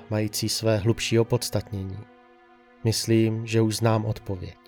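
A man's voice: medium pitch, a little mellow, close to an everyday voice. A man playing a sedated, despairing patient strapped to a hospital bed, speaking in a subdued, weary, grave audio drama monologue with a dry throat. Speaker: hospitalized man telling his story. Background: faint background music.

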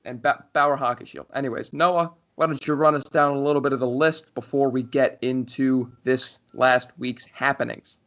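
A man's voice: mid-range voice, fairly even intonation, moderate pace, hardly any pauses, fairly bright tone. Rambling young man, dull lo-fi sound. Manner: rambling, many restarts and "like". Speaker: podcast co-host. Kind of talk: casual chat.

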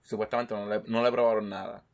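A man, casually chatting as a podcast co-host and telling animated stories, swearing constantly and mimicking the people he talks about. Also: on the low side, quick pace. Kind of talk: casual chat.

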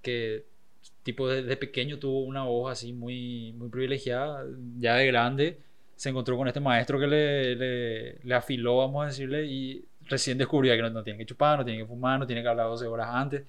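A man's voice: medium pitch, little pitch movement, normal speed, clean tone. A man interviewing a guest in a casual chat, sharing personal anecdotes from his youth. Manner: conversational, tells personal anecdotes.

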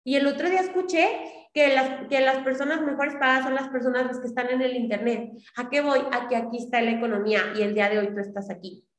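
On a video call, a young adult woman leading a business team gives a motivational talk, coaching, repeating her points and often checking for agreement. Her voice is high and steady, her pace quick, and the sound reverberant.

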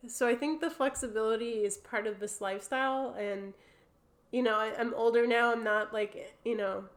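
A woman's voice: fairly high pitch, fairly even intonation, moderate pace. A young adult woman with a New Jersey accent, an artist talking casually as a podcast guest, chatty and full of fillers.

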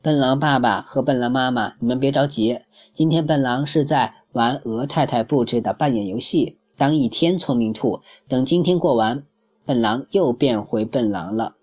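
A man voicing a clever young rabbit in a children's story, explaining things in a calm, assured way. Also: mid-range voice, moderate pace, natural voice. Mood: reassuring.

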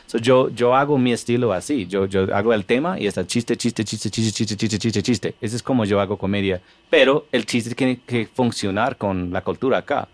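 American man talking comedy in halting Spanish. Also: medium pitch. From United States. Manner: explains his comedy method in halting Spanish, mixing in English fillers. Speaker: comedian guest. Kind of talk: casual podcast conversation.

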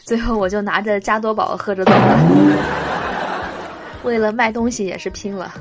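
A woman's voice: mid-range voice, steady tone, fast talker, loud music behind the voice. A young woman hosting a radio show, reading jokes aloud in a cheerful way and laughing at them.

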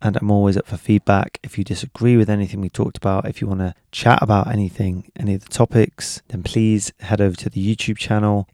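A man's voice: on the low side, darkish tone, dry recording, studio quality. A man hosting a podcast in a casual, informal conversational style. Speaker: podcast host. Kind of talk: casual chat and informal announcements.

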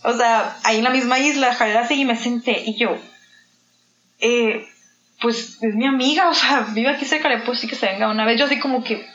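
A woman's voice: a little high, brisk, fairly bright tone. A woman with a Mexican accent, a guest in an interview, telling a personal story and acting out the dialogue she quotes. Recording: roomy, slightly dull sound.

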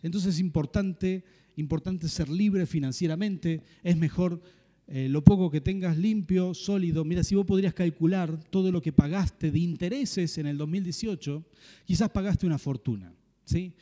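High-voiced Rioplatense pastor preaching. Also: male voice, moderate pace, warm tone, in a large hall. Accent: Rioplatense Spanish. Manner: storytelling with repetition and humor. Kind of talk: sermon with personal story.

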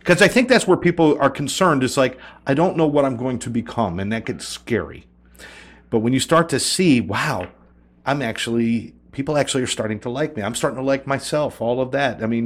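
A man's voice: medium pitch, brisk. A man hosting an interview, affirming his guest and asking long, reflective questions. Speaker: host interviewer. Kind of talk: supportive interview conversation.

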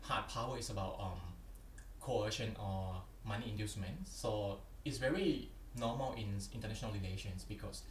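A man's voice: on the low side, normal speed. A young man from Thailand with a Thai accent, answering interview questions earnestly and plainly, often adding "yeah". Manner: earnest, plain phrasing with frequent "yeah" and "yep". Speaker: podcast guest, PhD candidate. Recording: roomy, distant from the mic, faint background noise.

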